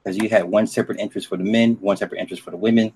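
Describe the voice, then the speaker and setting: Husky middle-aged man swapping slangy stories. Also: fairly low pitch, steady tone, racing, darkish tone. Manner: profane, slangy, rambling storytelling. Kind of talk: casual chat.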